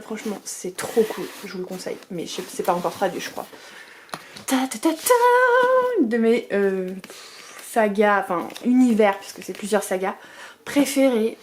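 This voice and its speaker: A woman's voice: medium pitch, darkish tone, slight background noise. A woman in her thirties chatting casually as a book vlogger, gushing and rambling with fillers and restarts. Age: 30s. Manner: chatty and gushing, piles up superlatives. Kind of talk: casual bookshelf tour chat.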